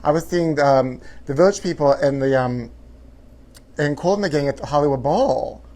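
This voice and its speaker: A man's voice: fairly high pitch, normal speed, darkish tone. A man hosting a live gossip show in casual chat, with a sassy, campy, theatrical drag-queen style of talking. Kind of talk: casual livestream chat to viewers.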